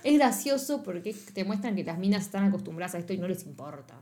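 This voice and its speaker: A woman with an Argentine Spanish accent talks through a film plot in casual podcast chat. She is slangy and animated, and she slips into little voices whenever she quotes the characters. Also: mid-range voice, fast. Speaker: podcast co-host.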